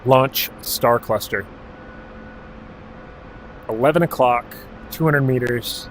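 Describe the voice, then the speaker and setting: A slow-talking Alaskan man with a mid-range voice streams a helicopter game, with a little hiss or hum in the audio. His commentary is casual, relaxed and profane as he calls out clock directions and ranges.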